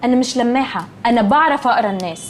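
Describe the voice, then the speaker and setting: Talking very fast in a fairly high voice, this sitcom character is a snooty, snappish young woman, played with light acting by an actress in a TV comedy. She speaks with an Egyptian Arabic accent, curt and haughty, tossing in English words, and there's a little hiss or hum.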